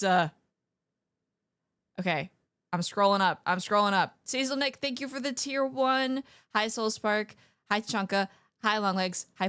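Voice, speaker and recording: A woman with a fairly high, fairly bright voice hosts an art livestream, chatting casually with viewers in playful gamer slang. She jumps between thoughts and keeps cutting herself off. The sound is clean studio audio with no room echo.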